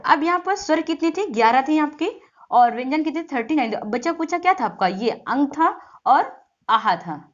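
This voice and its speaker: A woman's voice: high-pitched, lively intonation, normal speed, lo-fi sound. A woman teaching an exam-prep grammar lesson, asking questions and answering them herself, repeating key terms. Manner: repetitive, quizzing students and answering herself.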